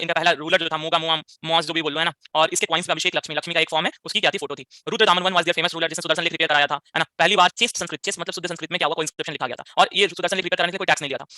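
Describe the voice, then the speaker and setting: Male history tutor, high and very fast, keeps asking the class questions, dry close sound. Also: bright, forceful tone, no echo. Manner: fires rhetorical questions, frequent tag questions; mixes English phrases into Hindi. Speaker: history teacher. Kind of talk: live online class lecture.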